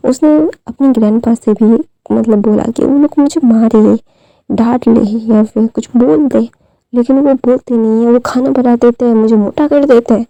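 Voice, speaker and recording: A woman's voice: fairly high pitch, steady tone, normal speed, dark tone, dry recording, poor audio. A young woman casually retelling a fan story in a rambling way, with many fillers and restarts.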